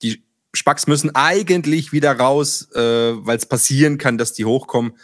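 A man in casual chat, telling lively stories, acting out dialogue and swearing freely. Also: mid-range voice, normal speed, no room sound, studio quality. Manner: animated storyteller, acts out dialogue, swears casually.

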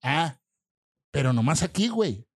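A Mexican man pushes his point in a casual debate, teasing and insistent with easy swearing. His voice is on the high side and very animated in pitch. The recording is dry and close. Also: unhurried, dry recording. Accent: Mexican Spanish. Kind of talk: casual debate between friends.

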